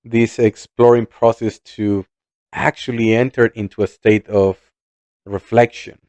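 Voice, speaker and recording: A man's voice: fairly low pitch, level tone, unhurried, darkish tone, no echo. A man, co-hosting a casual chat, reflective and hesitant, often repeating words. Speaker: podcast co-host.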